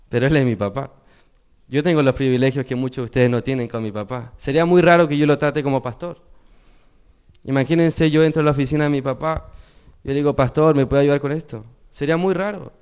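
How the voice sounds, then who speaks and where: A man's voice: mid-range voice, a little mellow, clean tone. A young man preaching a sermon, earnest, asking the congregation questions.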